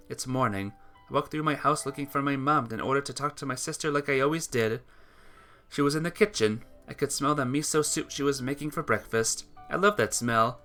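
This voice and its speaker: With music playing behind them, someone reads a sentimental story aloud from a visual novel they're playing. The voice is mid-range and slightly bright, and the narration is earnest but stumbles now and then.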